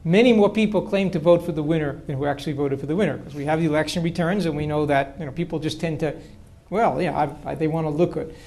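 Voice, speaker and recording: A man's voice: a little high, fast talker, hardly any pauses, a little mellow, slight background noise. An older man, a political science professor, answering audience questions at length in a lecture hall, with frequent restarts. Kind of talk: university lecture Q&A.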